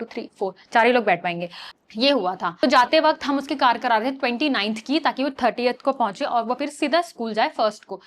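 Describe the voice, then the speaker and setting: Fast-talking, chatty young woman vlogger. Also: a little high. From Uttarakhand, India. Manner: fast, chatty, rambling with self-corrections. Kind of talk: casual chat to camera.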